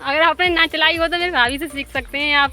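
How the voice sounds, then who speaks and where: A woman's voice: high voice, steady tone, brisk, pushed and bright, soft background music. A woman chatting casually and laughing often as she films a vlog outdoors in the fields. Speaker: vlogger.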